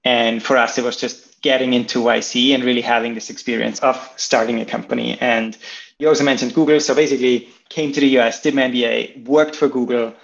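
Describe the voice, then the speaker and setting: A man's voice: mid-range voice, steady tone, a little fast, creaky. A man from Austria, a startup founder, answering interview questions in a chatty, casual way. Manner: chatty, lots of "like" fillers. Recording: dull lo-fi audio.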